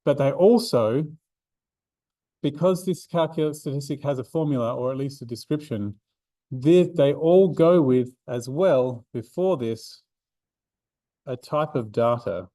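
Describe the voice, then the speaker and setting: A man's voice: mid-range voice, a little slow, mellow, no room sound. A man giving a revision seminar to statistics students, talking casually with many ums and restarts. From Australia. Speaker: maths tutor. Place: university classroom.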